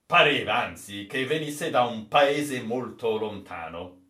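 Man reading an old sea story, lively intonation. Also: medium pitch. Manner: measured storytelling delivery. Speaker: narrator. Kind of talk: reading a classic adventure story aloud. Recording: roomy echo.

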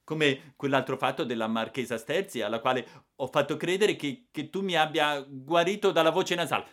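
A man's voice: fairly high pitch, normal speed, a bit bright, pitched above the performer's own voice, natural voice. A man reading aloud and voicing a cheeky young boy who argues back indignantly against the grown-ups. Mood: indignant defiance. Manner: indignant, pleading tone. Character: cheeky young boy, defiant and self-pitying. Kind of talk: audiobook character voice.

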